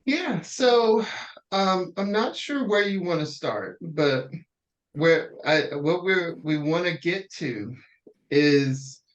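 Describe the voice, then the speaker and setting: A man's voice: on the high side, expressive, slow pace. A man hosting an interview, framing long, careful questions in a conversational tone. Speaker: interviewer host. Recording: dull lo-fi audio.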